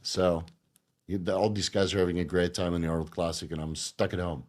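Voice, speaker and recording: Male livestream host, low-ish voice, talky and informal, reads chat and riffs on answers from home. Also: little pitch movement, brisk, a little mellow. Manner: reads out chat questions, then explains at length with fillers. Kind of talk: casual livestream Q&A.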